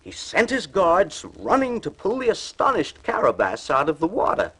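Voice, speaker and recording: A man narrating a fairy tale for a storybook record, in an expressive, deliberate storytelling style. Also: high-pitched, husky, low-quality recording.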